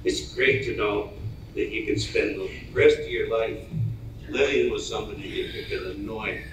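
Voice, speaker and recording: A man's voice: lowish voice, normal speed, natural voice. An older man playing a joking married man at a bar in an amateur stage comedy skit, stammering as he delivers his jokes. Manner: hesitant, stammering joke delivery. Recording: echoey hall, far-off mic, faint noise.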